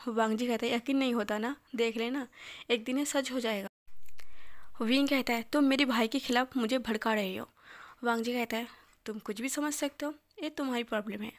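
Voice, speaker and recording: A woman reading a fan fiction romance aloud, voicing both men herself and dropping to a hush in the tender lines. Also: fairly high pitch. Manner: narrates and voices both men in her own voice, soft and hushed in tender lines. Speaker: storyteller.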